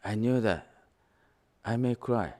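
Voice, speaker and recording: A man's voice: on the low side, extremely slow, darkish tone. An older man from Japan, a Japanese native, giving an anecdotal sermon as minister, switching between Japanese and English. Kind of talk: sermon storytelling.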